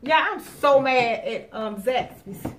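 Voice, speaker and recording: A woman's voice: a little high, takes it slowly, a bit bright. A woman in her thirties hosting a casual mukbang, chatting and complaining to viewers at a table at home. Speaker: mukbang host. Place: dining table in a home living room. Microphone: camera across the table. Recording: noisy home room recording.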